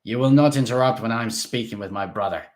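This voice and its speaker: A man playing a measured, commanding guard. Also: medium pitch, a little mellow, natural voice. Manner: measured, formal, authoritative.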